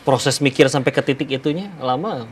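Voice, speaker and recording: A man hosting a talk show, interviewing a guest with soft, frequent affirming murmurs. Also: mid-range voice, a little fast, slight background noise. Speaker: host.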